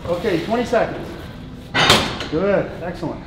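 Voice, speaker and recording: A middle-aged man coaching a leg workout in a large indoor gym, counting reps loudly and urging his partners on, then calmly explaining the machines. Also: sits high, a little slow, very noisy. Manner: loud rep-counting encouragement. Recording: echoey gym with loud music.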